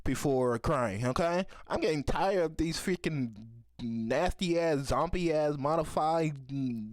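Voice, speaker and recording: Male reaction host, slightly high voice, dry close recording, rambling profane casual chat. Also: unhurried, a little mellow, dry recording.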